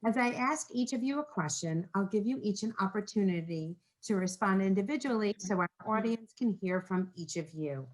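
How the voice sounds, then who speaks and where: A woman's voice: medium pitch, normal speed, hardly any pauses, low-quality recording. Woman as moderator of an online talk; polite, organized, keeps things on track. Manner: polite and organized, guiding the speakers. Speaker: program moderator. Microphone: video call.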